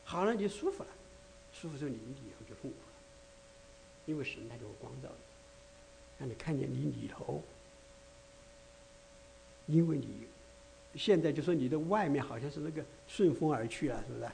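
A man's voice: medium pitch, animated, normal speed, gravelly, pauses often, a little mellow, a little hiss or hum. A man preaching a conversational sermon, full of rhetorical asides, restarts and filler sounds.

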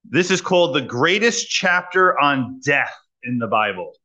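A man preaching in short phrases and pausing for an interpreter, teasing the young people about a quiz. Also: on the high side, animated, sharp tone, rough recording. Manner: pauses for translation, teacherly, jokes with young people. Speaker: guest preacher. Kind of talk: sermon with live interpreter.

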